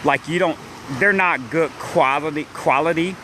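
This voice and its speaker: A young vlogger from central Illinois, with a downstate accent, livestreams casually from his phone while walking on a beach at dawn, right by the waves. He rambles with many restarts and "like" fillers in a higher-pitched voice at a moderate pace. Loud surf dominates the phone video, with slight background noise.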